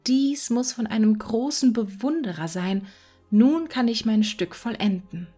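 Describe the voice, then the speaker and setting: Whispered role-play, a woman playing a poor young male student, eager, breathy, slow. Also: a little high, animated, dark tone, faint music behind. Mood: delighted.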